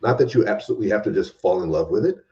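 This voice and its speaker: Man, podcast guest, rapid talk, dark mellow tone, emphatic advice, slightly muffled distant mic. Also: fairly low pitch, animated. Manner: earnest, emphatic advice-giving with repeated phrases. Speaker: guest developer advocate. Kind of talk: casual podcast conversation.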